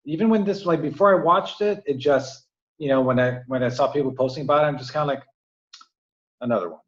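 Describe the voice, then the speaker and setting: Rambling man guest on lo-fi audio. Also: medium pitch. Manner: rambling, many fillers and restarts. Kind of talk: casual interview conversation. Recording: dull lo-fi remote audio.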